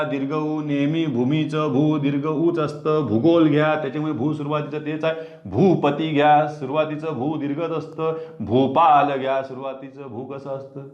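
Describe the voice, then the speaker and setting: A man teaching a grammar lesson online, explaining step by step and asking his students questions. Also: fairly high pitch. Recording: dull, roomy sound.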